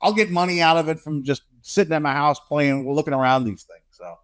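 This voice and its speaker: A man's voice: a little high, a little fast. A middle-aged man chatting casually as a co-host, rambling and repeating words as he talks. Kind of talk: casual chat.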